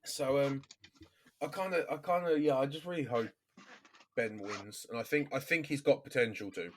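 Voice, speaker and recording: Podcast co-host, male, middle pitch, relaxed explainer who swears casually. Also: moderate pace, slight background noise. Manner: laid-back, explaining, many ums and swearing. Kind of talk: casual chat.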